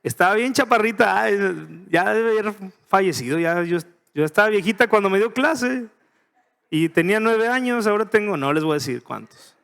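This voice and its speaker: A man's voice: high-pitched, expressive, moderate pace, creaky, a bit bright. A middle-aged man with a Mexican Spanish accent teaching a casual Bible study as pastor, chatty and joking, often asking his listeners questions.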